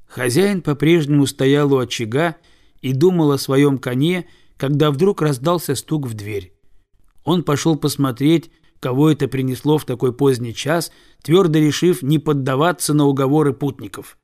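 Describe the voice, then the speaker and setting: A man reading a storybook aloud with calm, measured narration. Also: on the high side. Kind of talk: audiobook narration.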